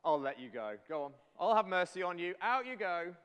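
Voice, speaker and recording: Man doing a booming imperious king. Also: very animated, brisk, fairly bright tone, clean tone, big-room sound, dull audio. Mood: mocking. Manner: booming, scornful questioning. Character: imperious male king judging a prisoner.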